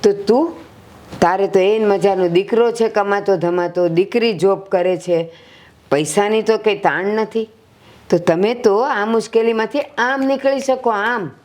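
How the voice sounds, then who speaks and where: A woman's voice: mid-range voice, darkish tone, natural voice. An actress playing an elderly mother who patiently consoles her grown son in a short film. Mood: reassuring. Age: older. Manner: slow, reassuring, motherly.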